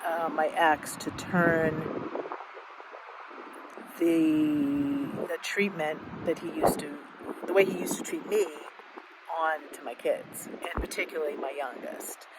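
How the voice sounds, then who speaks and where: A middle-aged woman speaking candidly in a halting, reflective personal monologue, with many fillers and restarts. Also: deep voice, noisy background. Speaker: podcast host.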